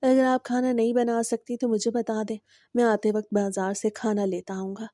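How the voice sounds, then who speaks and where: A woman reading the lines of a calm, devoted young husband and son, gentle and patient. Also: a little high, no echo, studio quality, close to an everyday voice. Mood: concerned.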